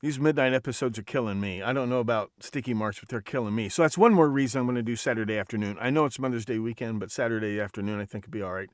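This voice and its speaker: Speaking very fast with few pauses, this medium-pitched man hosts a podcast livestream. He rambles, curses, and self-corrects constantly in casual conversation, captured as clean studio sound with no room noise.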